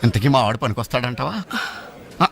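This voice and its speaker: A man's voice: medium pitch, animated, fairly quick, creaky. An actor playing a fussy, anxious middle-aged father who keeps repeating his questions in a comic film scene. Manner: fretful, nagging, repeats questions. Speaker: worried father.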